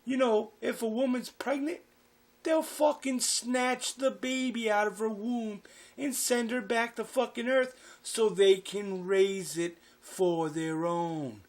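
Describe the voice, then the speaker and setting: A man voicing his drunk, furious middle-aged father, ranting and swearing loudly. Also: high-pitched, animated, takes it slowly, voice pushed up, exaggerated voice. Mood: shouting. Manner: shouting, profane.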